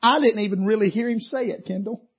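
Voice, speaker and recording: A male preacher with a high, slightly rough voice and quick pace tells a folksy story during a sermon at a church meeting. He's animated and laughs along the way, heard through dull, lo-fi church audio.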